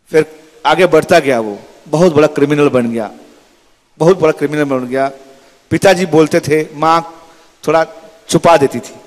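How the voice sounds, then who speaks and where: A man giving a sermon in a temple hall, telling stories with acted-out dialogue. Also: fairly high pitch. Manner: dramatic storytelling with acted-out dialogue. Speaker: preacher.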